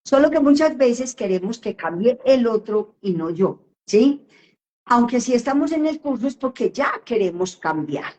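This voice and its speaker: A woman therapist answering questions in a live online session, speaking slowly and emphatically and often checking in with her listener. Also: a little high, expressive, mellow. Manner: slow, emphatic, with frequent question tags.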